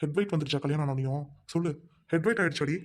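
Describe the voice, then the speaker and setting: A performer plays a young husband caught between his wife and his elder brother. He lectures and reproaches at a quick clip in a mid-range voice. It is a Tamil audio drama. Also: mid-range voice, natural voice. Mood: angry.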